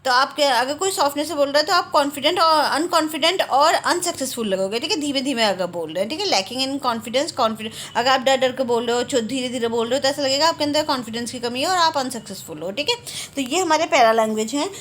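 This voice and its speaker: A woman teaching an exam-prep lecture in a lively way, asking her own questions and answering them. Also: high voice, quick pace, a little hiss or hum.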